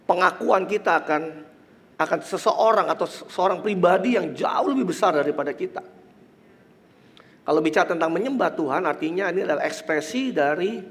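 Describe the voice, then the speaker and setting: In a large church hall, a pastor with a high-pitched, congested and nasal voice and an Indonesian accent preaches a sermon and leads prayer. He mixes English phrases into his speech, rising to emphatic preaching and dropping to soft, murmured prayer.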